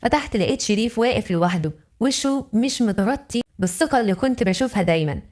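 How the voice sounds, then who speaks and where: A woman's voice: fairly high pitch, lively intonation, quick pace, a little mellow. A woman with an Egyptian accent narrating a dramatic first-person story in an emotional, intimate way. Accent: Egyptian Arabic.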